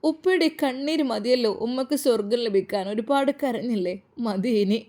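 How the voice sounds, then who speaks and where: A tender, tearful young son, voiced by a woman narrator in a spoken storybook. He pleads softly with a trembling voice. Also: a little high, normal speed, natural voice.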